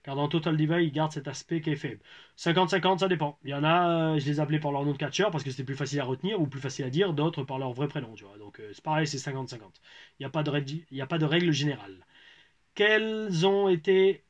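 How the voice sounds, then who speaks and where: A man's voice: on the high side, racing. A man, a former pro wrestler from France, chatting casually as he reads out viewer questions and answers them. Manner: loose, conversational, reads questions aloud, many fillers and restarts. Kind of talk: casual Q&A chat.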